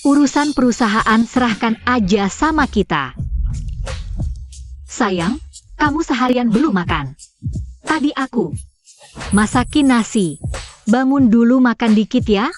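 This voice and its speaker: A sweet-talking young wife. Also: female voice, on the high side, expressive, a little slow, long pauses, faint music behind. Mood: tender.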